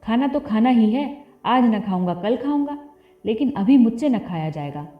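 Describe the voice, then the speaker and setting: A woman's voice: on the high side, a little slow, natural voice. A woman voicing a stubborn, weary young village husband who speaks sulkily and bitterly. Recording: tinny phone-like audio, roomy, faint music.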